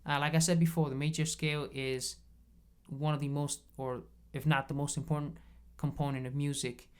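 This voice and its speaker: A man teaching bass guitar in a casual video lesson, explaining patiently step by step and checking in often. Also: level tone, moderate pace, clear, resonant tone. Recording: bass guitar playing between phrases.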